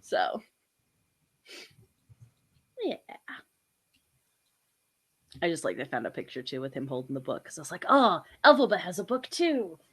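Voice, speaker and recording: A young woman hosts a relaxed drawing stream as host and artist, chatting casually, bubbly and quick to laugh. Her bright, husky voice swings widely in pitch. A cold has left her congested, a little stuffed-up and nasal.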